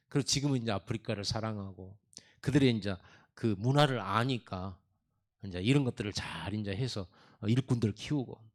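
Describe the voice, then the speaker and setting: A middle-aged man preaches a sermon in an animated, conversational way, dropping in stories and laughing asides. His pitch sits in the middle of the range but swings widely as he gets worked up. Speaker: pastor.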